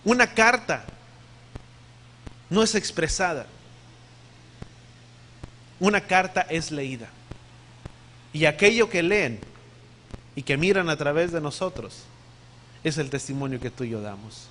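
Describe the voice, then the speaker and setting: A male preacher gives a sermon in a high, emphatic, expressive voice with a fairly bright tone, speaking a little slowly with long pauses. He teaches, puts questions to the congregation, and spells words out letter by letter.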